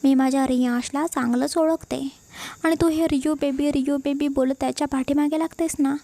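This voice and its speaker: A woman voicing a kind old grandmother who heads the family and talks gently with mild teasing. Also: sits high, steady tone, fairly quick, no room sound. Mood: affectionate. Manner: gentle, affectionate, mildly teasing.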